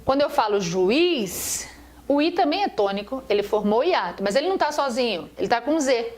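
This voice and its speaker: A woman's voice: on the high side, big pitch swings, moderate pace, a little mellow. A woman teacher giving a recorded grammar lesson over slides, explaining step by step and asking and answering her own questions. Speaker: Portuguese teacher.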